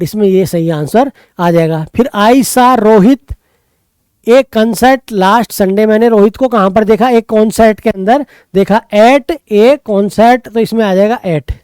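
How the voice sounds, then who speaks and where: A man from Rajasthan, India, with a Rajasthani Hindi accent, tutors his way through an exam paper, answering his own quiz questions. His voice is high, darkish and smooth, with no echo.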